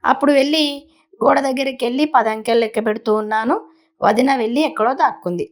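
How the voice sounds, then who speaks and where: A woman narrating a first-person story in a conversational, unhurried way, with small restarts. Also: on the high side.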